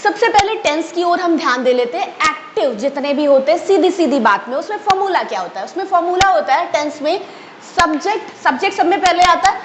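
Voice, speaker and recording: A woman teaching English grammar in a lively way, often checking that her students follow. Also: extremely high pitch, fairly quick. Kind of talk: explaining a grammar lesson. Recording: echoey room, faint ambient noise.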